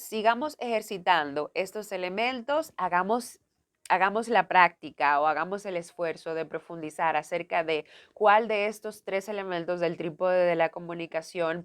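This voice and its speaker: A woman university lecturer giving a recorded lesson on voice and diction, explaining step by step and speaking directly to her students. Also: on the low side. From Dominican Republic. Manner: clear, didactic, addresses students directly.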